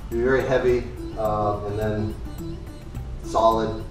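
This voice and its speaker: Guy in his 30s rambling about his workbench, lots of ums, voice far off in a boomy garage, music playing behind. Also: little pitch movement, heavy reverb. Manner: halting, lots of ums and uhs. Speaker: woodworking vlogger. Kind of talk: casual workshop narration. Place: large cluttered home garage workshop. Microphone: far camera.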